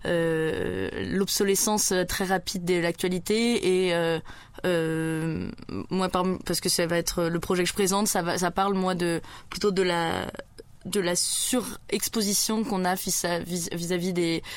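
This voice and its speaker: A woman talks about the festival she organizes. Her voice sits low and the sound is dry and close. She hesitates, stacks fillers and restarts sentences. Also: fairly even intonation, measured pace, clean tone, dry recording. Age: 20s. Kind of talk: radio interview guest.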